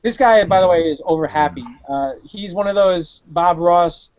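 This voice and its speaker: A man hosting a tech show, joking loosely and excitedly as he comments on videos. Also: sits high, moderate pace. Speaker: podcast host. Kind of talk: casual chat commenting on videos.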